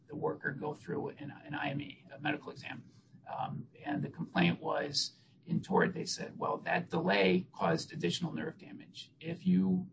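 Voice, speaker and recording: A man arguing a case in court, losing his voice and halting with many ums and restarts, in a noisy recording. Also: high-pitched, gravelly. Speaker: attorney arguing an appeal. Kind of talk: courtroom oral argument.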